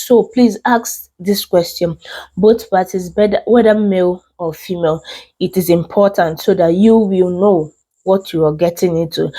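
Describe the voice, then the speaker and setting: A woman's voice: fairly low pitch, warm tone. A woman with a Nigerian accent and a congested, unwell voice hosts casual relationship advice, speaking emphatically with repeated phrases and posed questions. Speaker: host.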